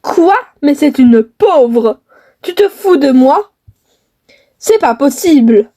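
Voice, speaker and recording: Woman doing a shrill snobbish mother. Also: animated, slow pace, warm tone. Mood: indignant. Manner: shrill, indignant scolding. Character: snobbish bossy mother, scornful of the poor. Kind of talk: homemade family skit.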